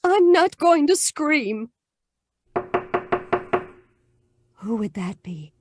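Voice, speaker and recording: Noir leading lady: proud, secretive wife, slightly high voice, very animated, dramatic radio-play delivery. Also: slow, very noisy, full character voice. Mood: shocked, frightened. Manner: dramatic, haughty, emotional delivery. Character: proud, troubled married woman, noir damsel with secrets.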